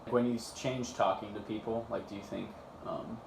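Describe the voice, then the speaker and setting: A man's voice: fairly low pitch, steady tone, normal speed, creaky, background noise. A young man in his twenties hosting a casual student interview, asking questions with many fillers and restarts.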